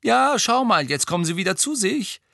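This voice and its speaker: A male reader doing a bright, teasing teenage boy in an audiobook, friendly and a bit mocking, pitched high above the narrator's own voice. the delivery leaps around lively and sounds close and dry. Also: normal speed, creaky, no room sound, full character voice.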